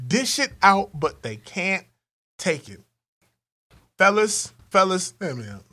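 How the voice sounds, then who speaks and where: A man cohosting a podcast, telling raunchy stories in a profane, animated way and acting out voices. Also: sits high, takes it slowly. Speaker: podcast co-host. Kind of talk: raunchy comedic banter.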